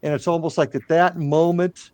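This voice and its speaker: A man leading a paranormal investigation team, telling stories in casual podcast talk, animated and often stumbling over his words. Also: a little high, moderate pace, smooth, no room sound.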